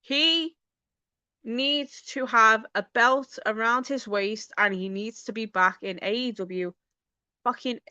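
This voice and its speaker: Her voice sits on the high side, slow, pushed and bright, clear and resonant, though the dry recording sounds muffled. She's a channel host from Liverpool with the local accent, casually and informally chatting with viewers by name, swearing as she goes.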